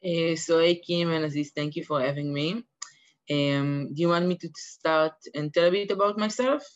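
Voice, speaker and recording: Israeli activist in her twenties, halting, dry muffled call audio. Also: deep voice, dry recording. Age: 20s. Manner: hesitant, many fillers. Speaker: guest activist. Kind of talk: video call interview.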